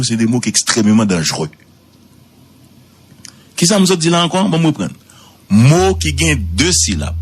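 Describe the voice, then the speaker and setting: Husky Haitian man, animated commentary. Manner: swoops high for emphasis, repeats words. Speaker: radio commentator.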